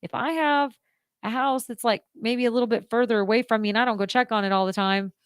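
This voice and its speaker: A woman's voice: medium pitch, dry recording, studio quality. A woman hosting a radio show on her own, giving real estate advice in a chatty, emphatic way that speaks straight to listeners.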